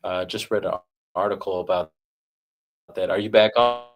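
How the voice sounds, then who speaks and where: A man talking as a consultant over a choppy video call connection that keeps breaking up, his phrases halting and cut off. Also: low voice, steady tone. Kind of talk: casual video call conversation.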